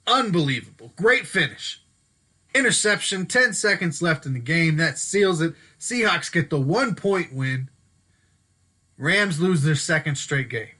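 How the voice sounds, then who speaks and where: A man talks through the week's football games as the host of his own show, casual and chatty. His voice sits a little high and comes across bright and forceful. Now and then he stops to fix a slip of the tongue. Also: expressive, unhurried. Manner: casual, chatty, self-correcting. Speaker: sports podcast host. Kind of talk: solo sports commentary talk. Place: Denver.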